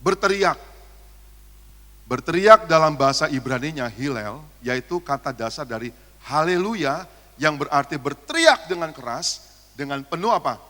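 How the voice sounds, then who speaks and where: A male pastor, preaching a lively sermon, shouting cues and joking with the congregation. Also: a little high, moderate pace. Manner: energetic, shouts cues and jokes with the crowd. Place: church function hall. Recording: long reverb of a large hall.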